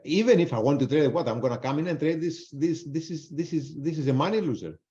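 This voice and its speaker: Speaking quickly in a fairly high, warm voice with lively intonation, this trader hosts a webinar in English with a non-native accent. He's blunt and casual, cursing freely as he comments on live trades and answers viewers' questions, all over dull, lo-fi sound.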